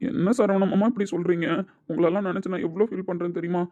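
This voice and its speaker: A man's voice: high-pitched, fairly even intonation, fast, warm tone, lightly acted. A man playing the quarrelling men of a family in a skit, from a mock-innocent young husband to his scolding older brothers-in-law. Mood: bickering. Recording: dull lo-fi recording.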